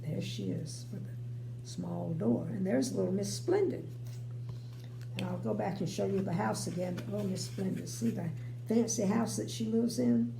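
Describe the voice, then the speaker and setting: A woman's voice: medium pitch, lively intonation, moderate pace, creaky. An older woman, a grandmother, reading a children's story aloud with folksy, chatty asides. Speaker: grandmother reading bedtime stories. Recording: roomy home recording, faint hum.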